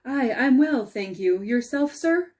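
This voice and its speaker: A woman's voice: a little high, expressive, a little slow, a little mellow, voice pushed up. A woman voicing a sickly noblewoman squire in a storybook tale, stubborn and courtly, with sneezes breaking into her archaic speech. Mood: polite, evasive.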